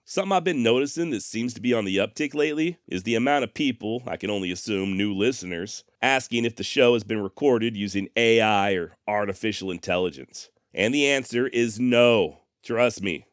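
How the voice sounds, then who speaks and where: A male podcast host with a deep but fairly bright voice addresses his listeners casually and plainly, using emphatic, mildly profane language. He is close on a processed dynamic studio mic, and the recording is dry.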